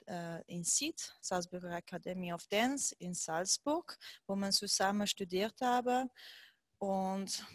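A woman's voice: mid-range voice, no room sound, studio quality. A woman from Belgium introducing herself as a dance artist, slightly phrasing. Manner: plain, slightly non-native phrasing. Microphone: handheld mic.

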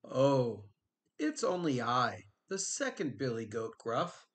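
A man voicing a medium-sized billy goat in a storybook, mild and pleading, with a fairly soft voice. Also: medium pitch, sing-song, slow. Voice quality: not so small, fairly soft voice.

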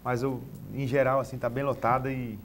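Middle-aged brazilian guy, medium pitch, chatting in a tv interview, kinda stumbles and repeats little words. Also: flat delivery, moderate pace, a little hiss or hum. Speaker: rodeo announcer being interviewed. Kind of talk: casual TV interview. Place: TV studio, standing.

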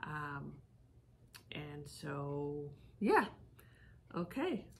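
A woman's voice: sits low, sing-song, very slow, a little hiss or hum. A middle-aged woman giving casual commentary, thinking aloud and searching for her words. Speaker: psychic co-host of a reaction show. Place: living room with fireplace, indoors.

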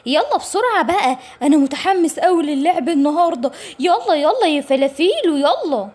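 A woman's voice: sits high, a little fast. A woman voicing an eager young male lion cub in an Egyptian Arabic children's story, urging his friends along. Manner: eager, urgent, energetic.

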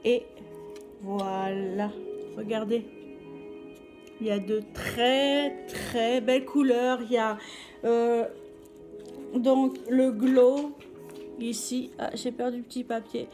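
A woman's voice: a little high, flat delivery, slow pace, pauses often, warm tone, soft background music. A woman doing a casual makeup review vlog, chatty and hesitant, with many fillers and restarts. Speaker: beauty vlogger.

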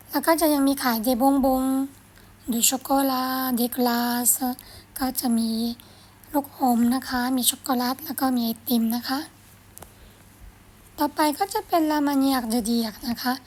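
A woman teaching French, reading phrases slowly and carefully, then explaining them quickly in a gentle, encouraging way. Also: sits high. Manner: gentle, encouraging, ends phrases with polite particles. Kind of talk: explaining a French lesson in Thai.

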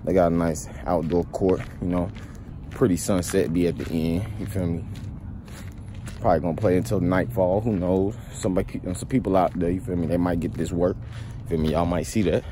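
Traffic passes as a young man walks a sunny street, holding his phone low at arm's length for a casual vlog monologue. He's slightly sick with a cold and rambles in a relaxed way, repeatedly asking "you feel me." His low voice is brisk with fairly even intonation, and street noise sits behind it.

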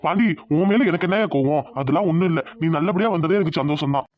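A man's voice: a little high, quick pace, lightly acted. A man voicing a stern proud village father. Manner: stern, commanding. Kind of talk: cartoon dubbing. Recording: dull lo-fi audio.

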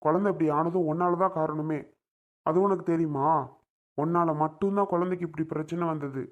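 A performer plays an angry middle-aged father who keeps scolding and blaming his son-in-law. His voice sits at a middle pitch, and he talks in a raised, reproachful way in a family drama skit. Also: fairly even intonation, fairly quick, highs cut off, natural voice.

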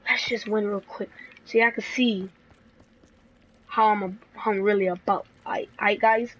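A young woman giving jumpy gameplay commentary, often dropping to hushed whispers and then bursting out with gasps. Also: mid-range voice, steady tone, a little slow, breathy edge, low-quality recording. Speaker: gaming video creator.

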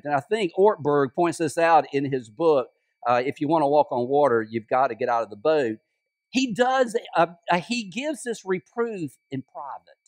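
Conversational pastor preaching. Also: male voice, high voice, no room sound. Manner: conversational preaching with restarts and drops to a soft voice on quotes. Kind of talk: sermon. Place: church sanctuary.

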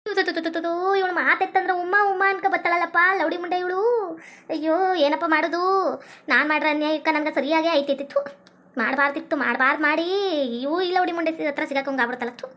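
[name], a woman doing a shrill wailing village woman. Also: fairly even intonation, fast, fairly bright tone. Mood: panicked. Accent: North Karnataka Kannada. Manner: wailing, scolding, crying for help. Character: loud, dramatic village woman locked in a cell.

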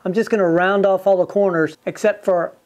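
A man's voice: high voice, steady tone, fairly quick, darkish tone, muffled recording. A man in his fifties explaining a lure build step by step in a home workshop, thinking aloud as he goes. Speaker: lure maker demonstrating a build. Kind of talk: workshop tutorial.

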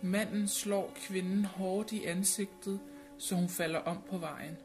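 A woman reading an audiobook in a measured, grave narration. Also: medium pitch, steady tone. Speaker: audiobook reader. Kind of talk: scripted narration. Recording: narration with music bed. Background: music.

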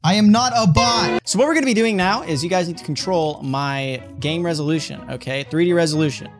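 A young man streaming a video game, talking excitedly at his desk, yelping and swearing at what happens on screen. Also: fairly high pitch, brisk. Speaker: gaming streamer. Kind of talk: excitable gameplay commentary. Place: at a computer desk. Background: background music.

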